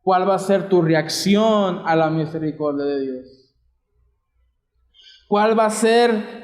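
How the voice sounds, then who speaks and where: A Mexican Spanish-accented man preaches a sermon in a high voice. He asks the congregation question after question and puts scripture into everyday words. His voice rings through an echoey church hall. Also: a little mellow. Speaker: pastor.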